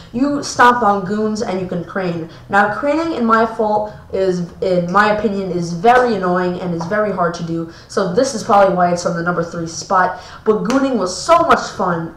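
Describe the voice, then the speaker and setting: A woman's voice: fairly low pitch, echoey room, rough recording. A woman hosting a casual gaming list video, rambling and often stumbling over her words. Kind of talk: casual ranked-list commentary.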